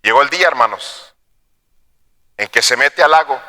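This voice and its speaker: Brightly toned preacher in a reverberant church. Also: male voice, medium pitch, lively intonation, moderate pace. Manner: swings from hushed storytelling to shouted exhortation; addresses the congregation as brothers. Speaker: pastor. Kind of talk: sermon. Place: church sanctuary.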